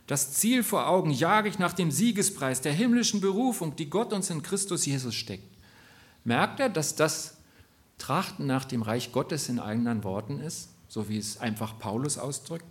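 Male preacher, fairly high voice, earnest sermon delivery, direct questions to the congregation, emphatic peaks and quiet drops. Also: animated, normal speed.

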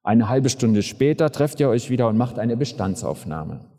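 Male preacher, lively story delivery, warm mellow tone, hall reverb. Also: medium pitch, normal speed. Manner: vivid, addresses listener directly. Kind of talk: sermon storytelling.

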